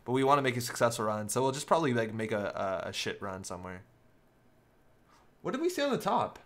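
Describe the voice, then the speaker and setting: A man's voice: medium pitch, big pitch swings, fast talker, a bit bright. A man giving live, casual commentary on a card game, thinking aloud as he works through each play step by step.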